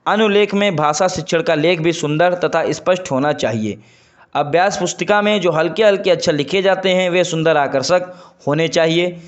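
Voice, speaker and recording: A man's voice: a little high, moderate pace, highs cut off. A man teaching an online exam prep lesson, stressing key terms by repeating them and promising the viewers they will not go wrong. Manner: emphatic, repeats key terms and list items; addresses viewers as friends, makes promises.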